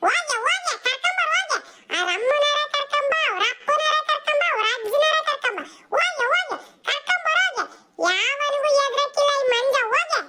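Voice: extremely high pitch, animated, fairly quick, bright, forceful tone, full character voice. An actor voicing a cheeky, defiant village boy who taunts and boasts in rural slang. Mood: taunting.

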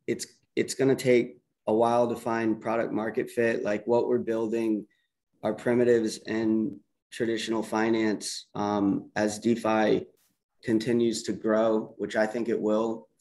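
A man talking casually on a video call, halting with many fillers, losing his voice. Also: mid-range voice, mellow. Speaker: project team member on community call.

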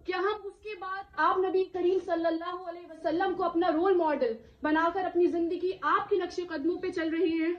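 A woman's voice: very high-pitched, steady tone, normal speed, few pauses, roomy sound, dull audio. A woman giving an impassioned religious talk to a live gathering of women, full of rhetorical questions and "isn't it?" asides. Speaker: Islamic speaker addressing a women's gathering.

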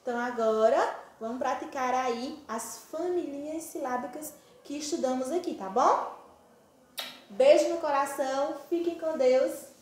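A woman from northeastern Brazil teaching syllables to preschoolers in a slow, sing-song, affectionate way, stretching each syllable. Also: high-pitched, darkish tone. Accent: Brazilian Portuguese, Pernambuco. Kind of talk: slow, sing-song phonics lesson for small children. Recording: very echoey room.

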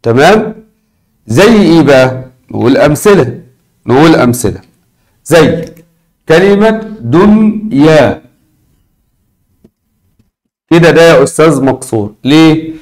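A man with an Egyptian Arabic accent teaching a recorded lesson, repeating key words slowly and asking his students questions. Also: medium pitch, lively intonation.

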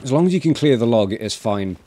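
A man's voice: medium pitch, animated, fast talker, dark tone. Wry man chatting over gameplay. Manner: wry, laughs often. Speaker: gamer. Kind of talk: casual co-op gameplay chat.

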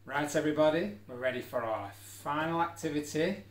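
A middle-aged special-needs teacher, voice on the high side and a little fast, guides kids through an exercise video at an indoor wooden table using simple, encouraging steps. The camera is a few feet away, and the echoey room has music in the background.

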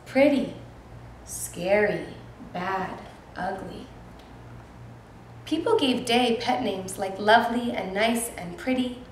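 A woman teacher reads a children's picture book aloud in a gentle, expressive way, stopping now and then to ask her young listeners questions. Her voice sits at a middle pitch, and the room around her is very echoey, with a faint hiss of noise underneath.

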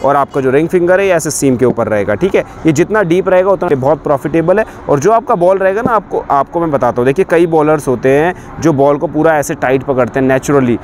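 A cricket coach in his thirties, speaking outdoors into a lapel mic on a camera aimed at him, walks through bowling grips step by step while demonstrating how to hold the ball. His voice is a little high and darkish, with lively intonation and a brisk delivery that leaves few pauses. A slight hiss or hum sits under the recording.

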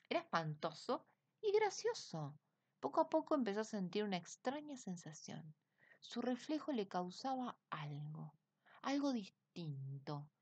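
A woman reading a children's storybook aloud in an expressive, unhurried way. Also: mid-range voice, dry recording, lo-fi sound. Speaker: reader.

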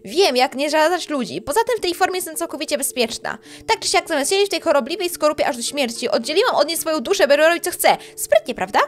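A woman's voice: high-pitched, animated, fast talker, few pauses. A woman voicing a selfish young ghost witch girl in a game, whiny, petulant and pushy. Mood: bratty.

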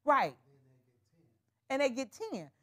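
A woman with a high, bright-toned speaking voice runs a live wig sales stream. She chats straight at her viewers, calls them honey and y'all, and keeps pushing the deals. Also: wildly swooping pitch, slow pace. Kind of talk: live shopping stream chat.

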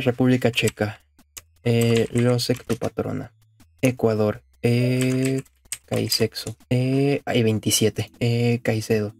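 A man's voice: medium pitch, darkish tone, slight background noise. A man with a Mexican accent doing casual gameplay commentary as a streamer, muttering to himself, swearing and repeating phrases.

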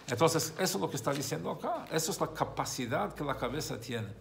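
A man's voice: fairly high pitch, expressive, fast, gravelly, crowd noise. A man, a rabbi, teaching a religious text class, who explains by repeating and rephrasing his points and tells a story along the way.

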